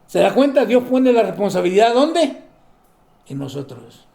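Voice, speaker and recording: This male pastor's voice is very high-pitched, with lively intonation, vocal fry, and a normal pace, recorded in an echoey room. In his sermon he asks and answers his own questions, plays the characters in his stories, and goes soft for asides.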